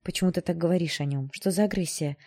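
Audiobook character: a woman doing a soft, insistent mother, low and mellow. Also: fast. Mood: pleading. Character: insistent, gentle mother of a grown daughter.

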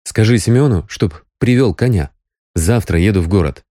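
A man voicing a weary grown man with a dry, wry humor, speaking low. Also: lively intonation, moderate pace, mellow, no room sound, close to an everyday voice. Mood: gentle.

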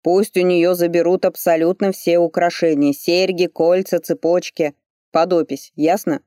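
A man's voice: high-pitched, little pitch movement, mellow, smooth, no echo, clean studio sound, close to an everyday voice. A reader doing a stern commanding nobleman. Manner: curt, authoritative, slow deliberate orders. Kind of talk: audiobook character voice.

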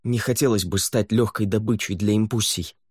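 Мужчина-чтец играет испуганного, измученного виной беглеца, который говорит напряжённо и сбивчиво. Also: male voice, fairly low pitch, fairly even intonation, normal speed, darkish tone, breathy edge, dry recording, clean studio sound, voice pushed up. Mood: pleading. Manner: hesitant, strained. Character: frightened, guilt-ridden runaway man, a father.

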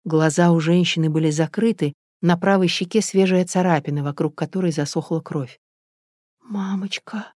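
A narrator reading a story aloud as an audiobook, at a medium pitch. The voice sits close to the mic. The sound is dry. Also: fairly even intonation, brisk, few pauses, a little mellow, no room sound.

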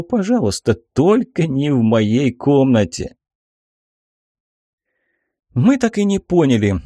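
A man narrates a first-person story in a mellow, warm voice that sits at an ordinary pitch. His reading is expressive, often jumping high on emphasized words. The recording is dry and close, with no room sound. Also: no room sound. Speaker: audiobook narrator.

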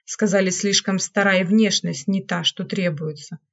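A woman's voice: medium pitch, fairly even intonation, moderate pace, lightly acted. A woman reading an audiobook, voicing a hysterical, jealous woman servant who speaks in a bitter, accusing way. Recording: dull lo-fi recording.

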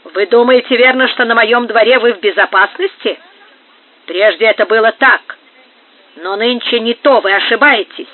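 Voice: medium pitch, normal speed, lightly acted. A cold, repellent executioner who trusts no one, read by the audiobook narrator. He speaks in a level, icy tone over a narrow, phone-like recording. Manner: cold, distrustful.

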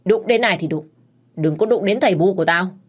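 A woman's voice: lowish voice, fairly quick, breathy edge. A woman voicing a lazy, spineless husband who whines and defends himself. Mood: defensive.

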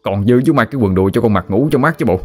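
A man's voice: on the low side, expressive, racing, darkish tone, faint music behind, voice pushed up. A man with a Southern Vietnamese accent voicing an exasperated grown son who protests against his father. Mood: protesting. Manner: protesting, raised voice.

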